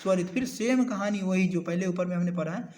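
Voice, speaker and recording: Guy teaching a recorded lesson, pretty high voice, keeps going "okay?" and quizzing the class, slows way down to dictate definitions. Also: darkish tone. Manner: explains in a mix of two languages and keeps asking the class questions; ends points with a habitual "okay". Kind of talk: recorded lecture.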